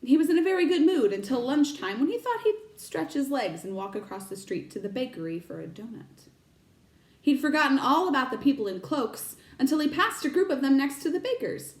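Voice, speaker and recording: An expressive teacher with a high voice reads aloud from a storybook to children, her pitch rising and falling freely. She pauses to explain words to her young listeners, and the space around her adds an echo.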